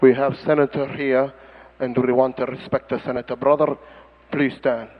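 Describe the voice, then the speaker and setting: A man mocking a stiff, formal male event announcer in a deeper voice, on a dull lo-fi recording. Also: flat delivery, normal speed, long reverb tail, close to an everyday voice.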